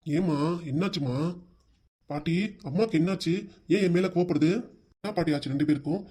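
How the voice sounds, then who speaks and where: A man's voice: on the high side, fairly quick, mellow, slightly rough. Man voicing a defensive young son. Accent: southern Tamil Nadu. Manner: pleading. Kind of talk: cartoon comedy voice acting.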